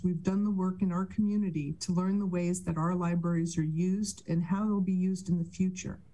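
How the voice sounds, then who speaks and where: Middle-aged woman, lowish and mellow, reading formal testimony over a video call. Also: poor audio. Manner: measured, formal delivery. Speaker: public testifier. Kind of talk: reading a prepared statement. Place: home room with bookshelves.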